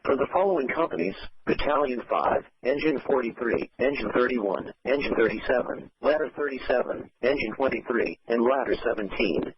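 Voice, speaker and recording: A man's voice: medium pitch, moderate pace, few pauses, no echo. A man reading out a formal fire alarm dispatch over the radio, unit by unit. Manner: formal, listing units item by item. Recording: dull, rough radio dispatch audio.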